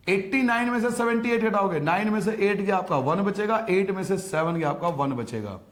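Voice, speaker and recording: High-voiced male maths teacher, echoey room. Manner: patient, repetitive explaining, addresses students as beta; rhetorical questions to students. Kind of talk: recorded classroom lesson.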